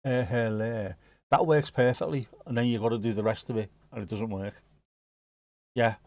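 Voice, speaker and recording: Chatting casually as he reacts to live chat, a livestream host from the Liverpool area talks in a Scouse accent, throwing in jokes and the odd swear word. His voice is fairly low and darkish, at normal speed, captured in a dry recording.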